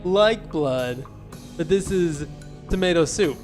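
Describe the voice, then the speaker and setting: A man doing a sinister, grinning game innkeeper, lisping, odd word stress, higher voice. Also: animated, takes it slowly, a little mellow, faint music behind. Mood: creepy polite. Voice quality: claims a lisp, stresses words oddly. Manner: overly polite, sinister. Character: creepy grinning male innkeeper, suspiciously cheerful.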